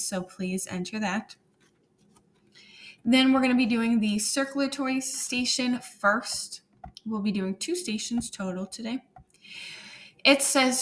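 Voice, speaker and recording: A woman's voice: mid-range voice, fairly bright tone, a little hiss or hum. A woman teacher recording a lesson, giving step-by-step instructions as she demonstrates a hands-on activity at home. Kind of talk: recorded classroom lesson walkthrough.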